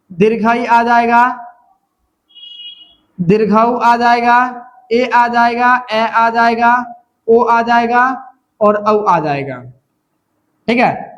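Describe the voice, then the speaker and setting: A man teaching a Hindi grammar lesson, repeating key terms slowly and checking in often with the class. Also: very high voice, fairly bright tone. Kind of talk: classroom lecture.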